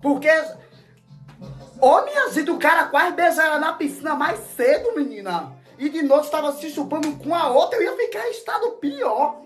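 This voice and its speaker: A man's voice: very high-pitched, big pitch swings, moderate pace, a bit bright, faint music behind. Campy, dramatic man. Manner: campy, dramatic, exclamatory, talks straight to viewers. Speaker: social media influencer. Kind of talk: casual phone story monologue.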